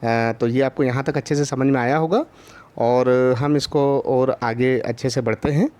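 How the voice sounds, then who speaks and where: A man's voice: medium pitch, steady tone, a little mellow. Patient male teacher sounding out syllables. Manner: patient, repetitive, spells out each syllable; frequent drawn-out filler pauses. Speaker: primary school teacher. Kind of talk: online Hindi lesson for young children.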